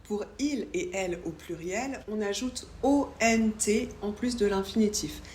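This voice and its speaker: A woman teaching a grammar lesson, explaining each point clearly and carefully. Her voice sits in a mid range and carries the echo of a roomy space. A faint hum runs behind her. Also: mid-range voice, measured pace, darkish tone. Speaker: French teacher and channel host. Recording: echoey room with faint background hum.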